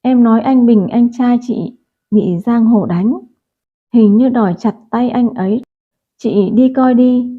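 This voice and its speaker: Woman voicing a frantic young neighbor guy, urgent, high, tinny phone-like sound. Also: measured pace. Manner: urgent, breathless pleading. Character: young male neighbor, panicked messenger.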